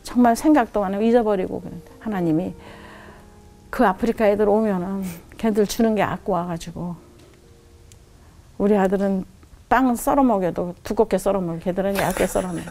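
A middle-aged woman giving a heartfelt personal testimony as a missionary guest in a studio, earnestly retelling her story. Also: a little fast. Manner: earnest and heartfelt, quotes God in a lowered softer voice.

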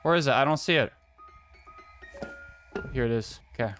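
A man's voice: mid-range voice, normal speed, a bit bright. Young man, scared horror game streamer, repetitive pleading, live commentary, prominent music behind. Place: small room indoors at a desk, webcam stream.

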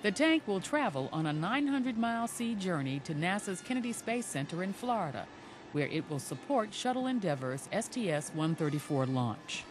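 A woman narrates a news report in a measured, scripted way. Her voice sits a little low but moves a lot in pitch. A faint hum of noise runs under it. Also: big pitch swings.

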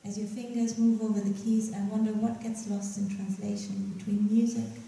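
At a lectern on a dark festival stage, a young woman poet gives a reading, chatty and giggly between poems but measured while reading them. Her voice is medium in pitch, level in tone, and gravelly. A stand mic at the lectern picks her up from a distance in a roomy hall.

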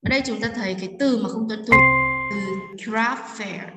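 Woman English teacher, slow careful reading of examples, distant mic with long reverb. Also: on the high side, loud music behind the voice. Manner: explains in Vietnamese, reads English slowly. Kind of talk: classroom lesson narration. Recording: echoey roomy, distant from mic.

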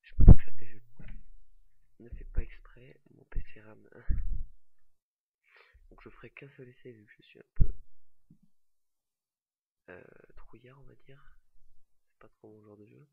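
A man's voice: measured pace, long pauses, phone-quality sound. A young French man commenting on a horror game in casual chat, nervous and swearing, laughing at himself. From France. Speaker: gamer. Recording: quiet, uneven home mic.

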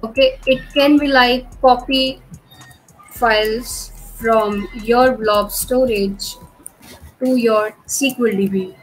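A woman with a fairly high voice and even intonation speaks slowly in a low-quality recording. She's a cloud tutorial presenter doing a screen-share technical walkthrough, patiently explaining the cloud steps and leaning heavily on fillers like "okay" and "you know."

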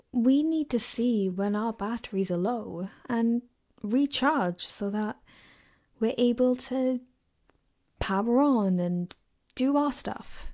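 A young woman with a voice on the high side plays a caring, gently teasing girlfriend in an intimate ASMR roleplay, her delivery soft, breathy and reassuring, close to a binaural mic.

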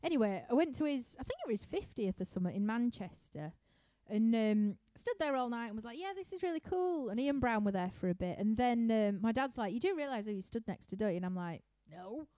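A chatty young woman with a Yorkshire accent rambles through viewer questions from her living room, laughing often and filling pauses with lots of ums. Her voice sits on the higher side yet sounds mellow and dark. The sound is dry and close, with no room echo. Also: expressive. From Yorkshire, England. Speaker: musician hosting a live stream Q&A. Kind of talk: casual chat reading viewer questions.

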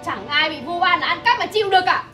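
Young wife in a tv drama, high voice, defensive, far off mic, loud music. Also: female voice, expressive, quick pace, full character voice. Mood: indignant. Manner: defensive, indignant. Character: young daughter-in-law, proud, falsely accused. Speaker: daughter-in-law. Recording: distant voice over loud music.

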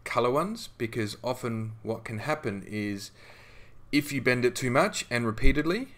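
A man talks through a scale modelling tutorial in voice-over at normal speed and medium pitch. It's casual and conversational, peppered with ums and restarted phrases.

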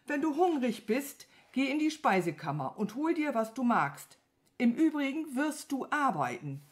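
A woman voicing a bossy, shouting wizard. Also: sits high, sing-song, normal speed, voice pushed up. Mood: commanding. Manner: impatient, scolding, raised and strained. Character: irritable, bossy male wizard, quick to shout. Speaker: kindergarten teacher. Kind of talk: children's story read aloud.

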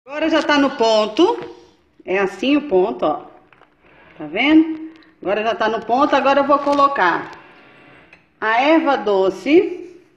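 A cooking channel host in her home kitchen walks viewers through a recipe step by step, chatting and checking in with them often. Her voice is high and expressive, a little slow, with frequent pauses. The highs sound cut off, and the kitchen is echoey with faint noise.

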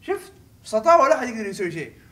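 High-voiced man joking through a game. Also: sing-song, very fast. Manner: playful, teasing, bursts into laughter and shouting. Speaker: gaming video host. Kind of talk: joking let's-play commentary.

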